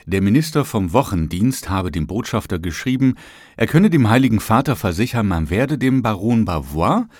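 A man narrating an old memoir as an audiobook, in a measured, even reading. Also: fairly low pitch, no room sound, studio quality.

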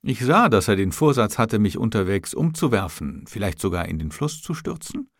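A man reading a period memoir aloud as first-person scripted narration, in a measured, even storytelling manner. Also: on the low side, dry recording, studio quality. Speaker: audiobook narrator.

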